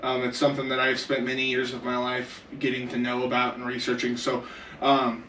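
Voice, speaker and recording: Leading with questions, this upbeat young gaming-podcast co-host speaks briskly in a medium-pitched, monotone, slightly bright voice. The audio sounds distant and echoey, with faint background noise.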